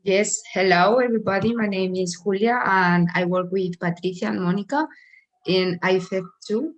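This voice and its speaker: A woman's voice: mid-range voice, normal speed, lo-fi sound. A woman from Spain, introducing herself plainly on a video call.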